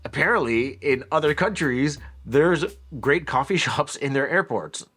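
A man from Canada narrating a casual vlog about a factory trip in a relaxed, chatty way with lots of fillers. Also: a little high, unhurried, husky, faint music behind. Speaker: vlogger, headphone reviewer.

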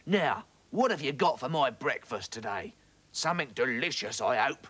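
A man's voice: mid-range voice, animated, moderate pace, fairly bright tone, breathy edge. Man doing a bossy lazy octopus. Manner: bossy, greedy. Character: lazy bullying male octopus.

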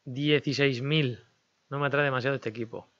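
A man's voice: mid-range voice, fairly even intonation, brisk, fairly bright tone, lo-fi sound. A man giving casual, chatty commentary as he plays a management game, talking to himself and his viewers. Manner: chatty, talks to himself and viewers while negotiating. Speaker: gaming YouTuber.

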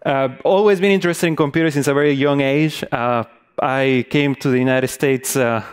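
Speaking at a steady, moderate pace, this conference speaker has a mid-range voice that sounds clear and resonant. He's a man in his thirties from Mexico with a Mexican Spanish accent, and he hesitates a lot with fillers while presenting on a big stage.

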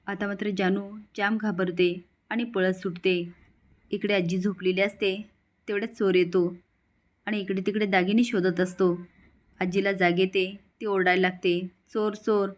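A woman narrating a recap of a drama serial in a steady, plain storytelling manner. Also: medium pitch, normal speed.

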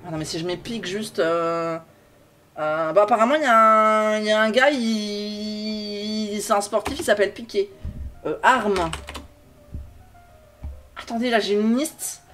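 A man's voice: sits high, fairly even intonation, unhurried, pauses often, bright, forceful tone, faint music behind. A man streaming a mystery game from his computer, thinking aloud in a rambling, hesitant way with many fillers and restarts, joking and getting sidetracked. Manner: jokey, self-talking, easily sidetracked. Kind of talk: live-stream gameplay commentary.

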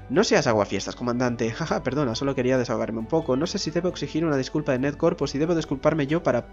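A man's voice: mid-range voice, a little mellow, lo-fi sound. A man reads game dialogue aloud in a gameplay video. Between the lines he makes casual asides and swears mildly when frustrated. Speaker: gameplay commentator.

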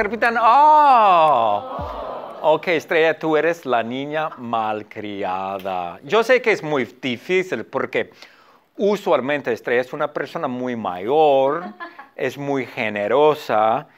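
Guy teaching a beginner class, slow and clear, voice jumps all over, keeps asking class to repeat. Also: medium pitch. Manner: animated, asks the class to repeat. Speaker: Spanish teacher. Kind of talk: storytelling language lesson.

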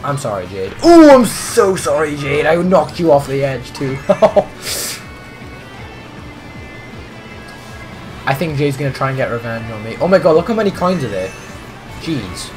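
A teenage gaming streamer with a mid-range voice talks a little fast over music, giving live commentary on a racing game and chatting with viewers. His voice is breaking with puberty, so it cracks as he excitedly chats away.

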